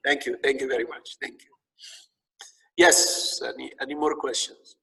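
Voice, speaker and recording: A man's voice: mid-range voice, level tone, moderate pace, gravelly, pushed and bright. Male lecturer, Arabic accent, reverberant sound. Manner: repeats words and stumbles as they search for phrasing. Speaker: instructor teaching a training course. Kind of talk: live lecture with audience questions. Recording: distant, echoing reverberant sound.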